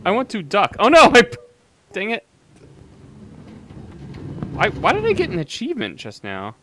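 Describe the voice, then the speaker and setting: A man's voice: sits high, huge pitch swings, normal speed. A man playing a video game and giving casual commentary. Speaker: gaming video player. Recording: background noise.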